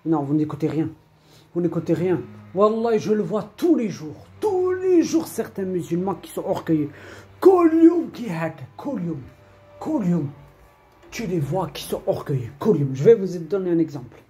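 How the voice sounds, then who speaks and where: A man's voice: a little high, expressive, normal speed, warm tone, soft background music. A man giving an informal religious reminder online, rambling and repeating himself, scolding in a streetwise way and dropping Arabic religious phrases into his talk.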